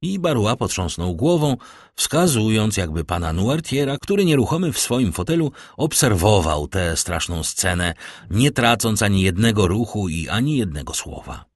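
Male narrator with a husky voice and a dry, close sound, reading dramatically. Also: fairly low pitch, normal speed, no room sound. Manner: animated, theatrical delivery. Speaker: audiobook narrator.

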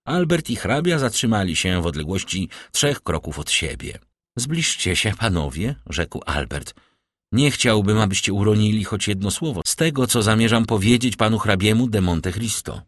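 A man narrating a classic novel as an audiobook, lifting his pitch for the characters' lines. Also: animated, moderate pace, dry recording.

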